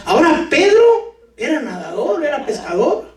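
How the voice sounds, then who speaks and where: A man preaching a lively sermon to his congregation with jokes, sudden shouts and talk of brothers. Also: very high-pitched, moderate pace. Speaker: pastor. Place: church hall. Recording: echoey church hall from far off.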